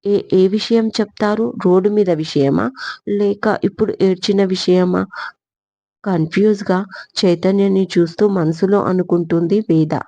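A woman storyteller with a low, gravelly, mellow voice reads a romance aloud, giving every character's lines in her own plain voice. The recording is dry and close, with a dull, lo-fi sound. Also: steady tone, moderate pace, no room sound. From India. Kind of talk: scripted story narration.

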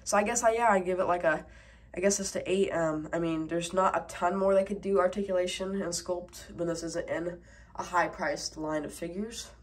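A woman with a lowish, steady voice talks at normal speed while nursing a stuffy cold. Her toy review is casual and meandering, heavy on fillers, as she handles the toys at a tabletop in front of a camera mic.

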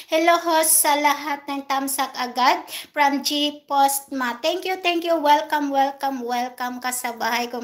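Brief: young woman, high voice, unhurried livestream host, chatty and giggly. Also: a bit bright. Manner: chatty, thanks viewers one by one, giggles often. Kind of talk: casual livestream chat reading viewer comments.

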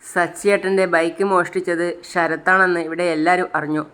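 A narrator voicing a tearful young wife, read in a smooth, near-everyday voice. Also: mid-range voice, flat delivery, fairly quick, fairly bright tone, lightly acted. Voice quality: speaks as if crying.

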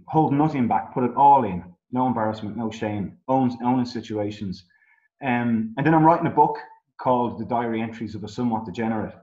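A man's voice: mid-range voice, darkish tone. An Irish man talking candidly about his music in a rambling podcast chat, full of fillers. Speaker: musician guest. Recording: roomy, dull sound.

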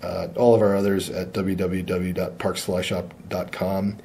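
A man demonstrating fly tying at a shop bench. He talks in a relaxed, plain-spoken way and often says uh. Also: deep voice, moderate pace, a little hiss or hum.

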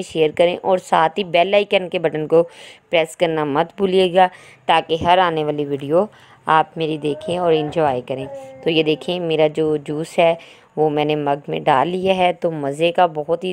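A woman's voice: low-pitched, a little mellow, slight background noise. A woman, hosting a home cooking tutorial as a voice-over, chatty and explaining each step. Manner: chatty, explains each step, often adds "theek hai". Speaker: cooking channel host.

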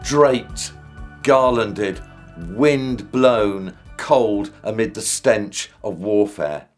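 A man in his fifties reading a solemn, measured devotional reflection to camera. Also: lowish voice. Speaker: Methodist minister.

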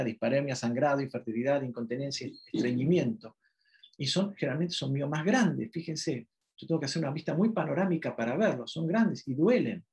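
A man's voice: mid-range voice, darkish tone. A man from Argentina giving a medical ultrasound lecture, explaining step by step with frequent checking questions and self-corrections.

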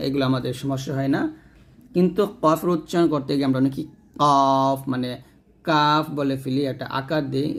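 A man's voice: medium pitch, vocal fry. A man teaching Quran letter pronunciation step by step, sounding out each letter and answering his own questions.

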